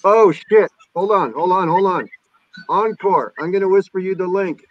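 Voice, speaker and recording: A man in his fifties hosts a casual group video chat, joking with and teasing the others. His voice is high and his pace moderate, with faint music behind him on a dull, lo-fi recording.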